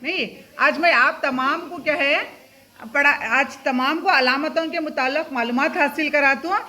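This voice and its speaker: A woman's voice: sits high, sharp tone, slight background noise. A woman schoolteacher gives a classroom lesson to young pupils. She keeps asking questions, has the class repeat terms back, and mixes English terms into her speech.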